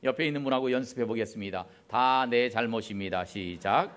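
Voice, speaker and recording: A man's voice: mid-range voice, fairly quick, a bit bright, slight background noise. A middle-aged man preaching a Sunday sermon as pastor in a church, acting out little family quarrels as he goes. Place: church sanctuary.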